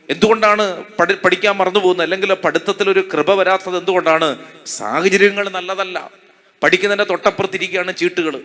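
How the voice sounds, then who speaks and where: A man preaching with a Malayali accent, his voice fairly high and bright, ringing out over the congregation. He repeats his points, fires off rhetorical questions and keeps pulling the crowd in to answer hallelujah. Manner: call-and-response preaching, asks the crowd to say hallelujah. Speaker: priest. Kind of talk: sermon.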